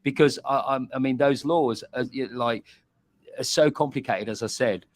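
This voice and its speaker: A man's voice: mid-range voice, moderate pace, no room sound. Chatty man telling stories. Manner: animated storyteller, repeats words. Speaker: guest, pub and bar owner. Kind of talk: casual chat.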